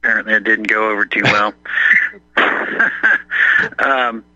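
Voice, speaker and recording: A man's voice: on the low side, steady tone, unhurried, pushed and bright, dry recording. A man calling in to a talk show, joking around and rambling with plenty of fillers over a phone line. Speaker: caller. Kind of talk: casual call-in chat.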